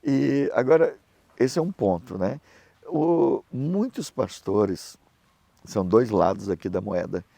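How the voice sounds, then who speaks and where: Gravelly, animated Brazilian-Portuguese-speaking preacher man. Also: lowish voice, slow pace. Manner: animated storytelling, acts out other voices in quotes. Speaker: pastor and missionary preacher. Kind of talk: preaching, telling anecdotes.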